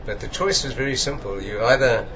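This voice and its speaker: A man's voice: mid-range voice, fairly quick. Older man reminiscing. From Zambia. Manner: thoughtful, hesitant, with many fillers. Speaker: cardiologist guest. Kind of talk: reflective conversational interview. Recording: dull, noisy conference recording.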